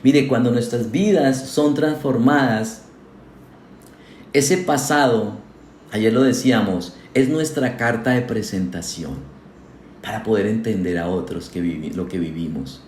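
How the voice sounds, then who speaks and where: A man's voice: fairly low pitch, measured pace, darkish tone, a little hiss or hum. A man, a pastor, preaching a sermon to his congregation, earnest and asking them questions directly. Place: church hall. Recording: echoey church hall.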